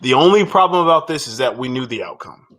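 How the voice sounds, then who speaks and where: A man's voice: medium pitch, expressive, quick pace, a bit bright. A man co-hosting a casual wrestling recap podcast, rambling through his opinions with frequent restarts and swearing. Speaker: podcast co-host.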